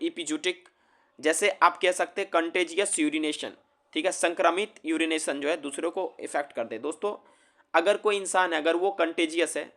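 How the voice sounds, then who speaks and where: Male tutor, a touch high, chatty lesson delivery, quizzing the viewers. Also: fairly bright tone. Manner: repeats questions to viewers, many fillers. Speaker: vocabulary teacher. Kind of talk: casual explaining lesson.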